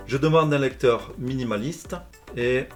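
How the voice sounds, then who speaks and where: A male language teacher calmly explaining a software tutorial step by step. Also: medium pitch, a little slow, faint music behind. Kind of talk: screencast tutorial narration.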